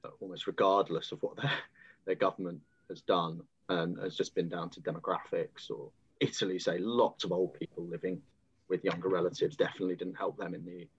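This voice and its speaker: Brief: male podcast host, low voice, joking asides, dull lo-fi audio. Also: level tone, slightly rough. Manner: joking, conversational, quick asides. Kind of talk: panel discussion.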